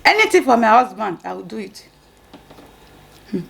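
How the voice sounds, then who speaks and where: A woman's voice: fairly high pitch, very animated, moderate pace, creaky. A woman with a West African accent in casual, bantering chat as she eats soup, often repeating herself and humming between phrases. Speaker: wife in a couple's mukbang video.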